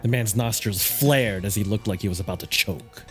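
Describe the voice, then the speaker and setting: A man's voice: fairly low pitch, normal speed. A man reading scripted narration aloud as the narrator of a game playthrough. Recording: music behind the voice.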